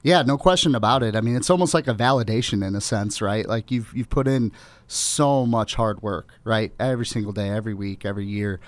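A man chatting casually as a talk show guest, halting and often checking for agreement. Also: fairly low pitch, no echo. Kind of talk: casual conversation.

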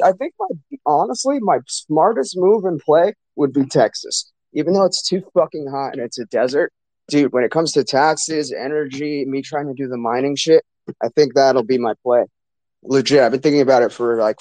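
A man's voice: mid-range voice, normal speed, darkish tone, no echo, low-quality recording. A man hosting a casual, hyped live talk show in frat bro slang, swearing freely. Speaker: crypto show host.

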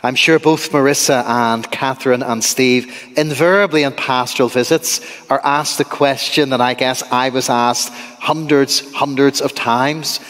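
Irish preacher in a reverberant church. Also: male voice, mid-range voice. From Ireland. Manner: lively and humorous, quick asides to the congregation. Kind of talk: sermon.

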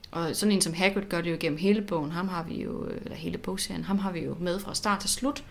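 Animated woman podcast co-host. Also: lowish voice, gravelly. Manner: animated, reflective, repeats words while thinking. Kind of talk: casual podcast chat.

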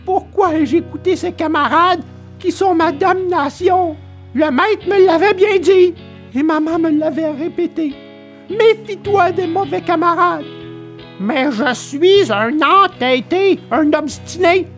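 A man's voice: very high-pitched, slow, a bit bright, soft background music, pitched above the performer's own voice, heavily acted. A man voicing a stubborn, terrified wooden puppet boy who wails and pleads through sobs, in a storybook reading. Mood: desperate sobbing. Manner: wailing, pleading, sobbing.

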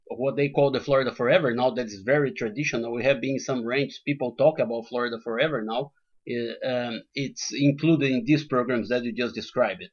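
Male interview host, mid-range voice, welcoming and courteous, conversational, on somewhat lo-fi audio. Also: mid-range voice. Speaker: podcast host. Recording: dull lo-fi podcast audio.

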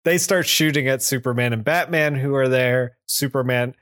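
A man with an ordinary mid-range voice co-hosts a laid-back podcast, walking through a comic book story. He laughs often and slips into quick voices for the characters as he goes. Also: medium pitch, a bit bright. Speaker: podcast co-host. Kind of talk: casual comic book recap chat.

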